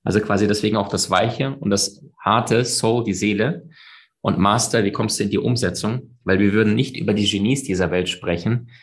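A man's voice: lowish voice, fairly even intonation, normal speed. A man talking expansively and emphatically as an interview guest, with many fillers and restarts. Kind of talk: conversational interview.

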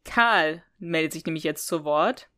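A woman co-hosts a podcast, casually retelling and discussing an audio drama episode and readily amused along the way. She speaks unhurriedly in a low, fairly bright voice.

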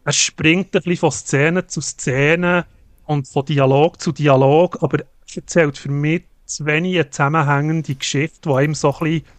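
A man, co-hosting a casual film review podcast, talking haltingly with many fillers and restarts. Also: fairly high pitch, steady tone, no echo. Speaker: podcast co-host.

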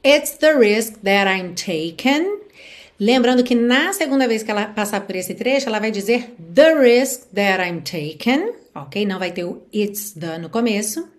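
A Brazilian woman teaching English pronunciation, explaining sounds patiently and repeating words slowly. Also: mid-range voice, animated. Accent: Brazilian Portuguese. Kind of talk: pronunciation lesson.

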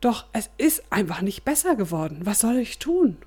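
A woman's voice: mid-range voice, big pitch swings, moderate pace, a little mellow, slightly rough, voice pushed up. A woman voicing a pious, troubled man who pleads and complains about his cramped home. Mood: pleading, complaining.

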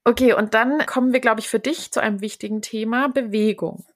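A woman's voice: on the high side, steady tone, a little fast. A woman hosting a podcast conversation, earnest and emphatic, often repeating words as she searches for the next. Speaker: podcast host. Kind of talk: casual conversation.

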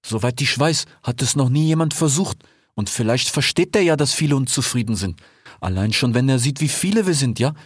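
A man's voice: medium pitch, expressive, brisk, breathy edge, dry recording, clean studio sound, pitched above the performer's own voice. A man voicing a worried, stern fox father who nags and tags questions onto his lines. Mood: pleading. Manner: anxious, ends phrases with "ja?".

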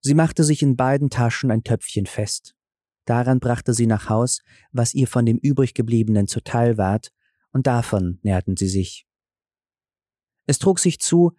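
Man, fairy tale narrator, calm, measured, mellow dark voice, dry sound. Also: medium pitch, no room sound. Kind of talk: fairy tale audiobook reading.

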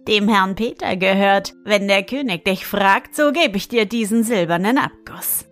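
A woman voicing a clever, scheming female cat in a fairy tale, slipping meows into her lines, unhurried, with faint music behind. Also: mid-range voice, a bit bright, natural voice. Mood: coaxing. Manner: starts lines with a meow.

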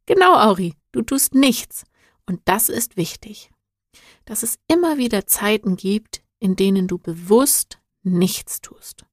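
A patient, wise guide figure from a children's storybook, speaking slowly and soothingly, his words often dropping to a soft whisper, as a woman reader voices him. The sound is dry and close, with no room around it. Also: medium pitch, dry recording. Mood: gentle, soothing. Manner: calm, soothing, at times whispered. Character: gentle wise male guide, patient teacher.

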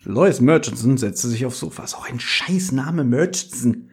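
A podcast host reading a detective gamebook aloud, breaking off for joking, chatty asides. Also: male voice, medium pitch, expressive, moderate pace, a little mellow.

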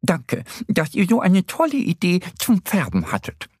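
A man's voice: sits high, wildly swooping pitch, normal speed, noisy background, voice pushed up. A man voicing the Easter bunny in a children's story, an eager, bustling male rabbit who talks in a hasty way.

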